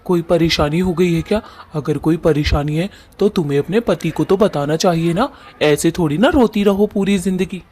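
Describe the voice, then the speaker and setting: A man voicing a blunt young husband in a cartoon story, with rough, brusque colloquial speech. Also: a little high, normal speed, few pauses, a little mellow, close to an everyday voice. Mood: coaxing. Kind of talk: cartoon voice acting.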